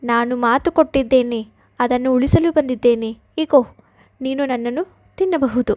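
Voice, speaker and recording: A woman reading a calm, truthful mother cow. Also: high voice, normal speed, dry recording, close to an everyday voice.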